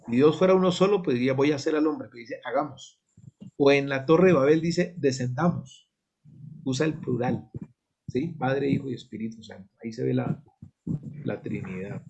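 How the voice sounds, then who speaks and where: A man's voice: mid-range voice, moderate pace, gravelly, a little mellow, slightly rough, lo-fi sound. A man with a Colombian Spanish accent teaching a church Bible study, explaining step by step and checking in with the class. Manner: explanatory, asks "¿sí?" to check understanding.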